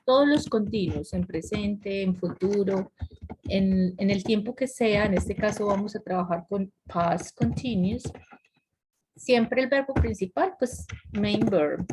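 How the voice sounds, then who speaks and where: A woman's voice: medium pitch, a little slow, noisy background. Woman teaching grammar in an online class. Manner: explains step by step, with many restarts. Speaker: English teacher. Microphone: video call.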